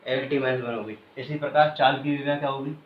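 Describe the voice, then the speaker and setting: A male teacher giving a classroom lecture who keeps asking questions and pauses for students to call out the answers, then repeats the key terms slowly. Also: mid-range voice, fairly even intonation. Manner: quizzes students, pausing for them to finish answers. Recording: echoey room, muffled, faint hiss.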